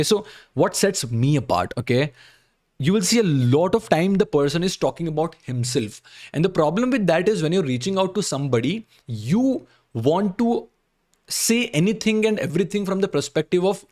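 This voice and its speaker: Man, Indian accent, fairly high pitch, blunt explanatory critique, instructive, frequent tag questions. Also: darkish tone. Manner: blunt, instructive, repeats points with frequent "okay?" tags. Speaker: video creator reviewing job application emails.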